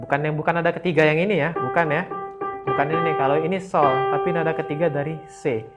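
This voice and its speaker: A man's voice: on the high side, steady tone, quick pace. Man teaching piano over keyboard playing. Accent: Palembang Indonesian. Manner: patient, repeats "oke?" to check understanding. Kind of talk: casual music lesson. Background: piano keyboard notes.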